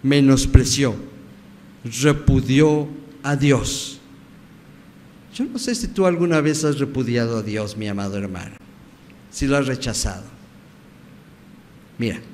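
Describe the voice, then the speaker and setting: A man with a Mexican Spanish accent preaching a sermon as pastor, swinging from loud emphasis to hushed words. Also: mid-range voice, lively intonation, unhurried, pauses often. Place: church sanctuary. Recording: church hall reverb, faint background noise.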